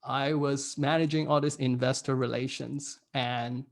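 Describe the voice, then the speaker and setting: A man's voice: mid-range voice, steady tone, a little slow, vocal fry. A man in his thirties from Hong Kong, giving a casual online workshop talk from home, laughing often at his own jokes. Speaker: workshop speaker. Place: home room.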